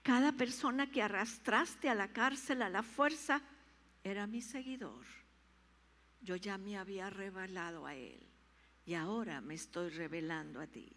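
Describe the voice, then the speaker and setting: A woman preacher voicing Jesus speaking to Saul, slow and solemn, in a reverberant hall. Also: mid-range voice, a bit bright.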